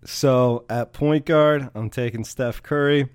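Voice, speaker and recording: Male podcast host, even mid pitch, smooth and resonant, steady listing of picks. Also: takes it slowly, dry recording, studio quality. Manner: steady, lists picks one by one. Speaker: sports betting podcast host. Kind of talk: casual sports picks chat.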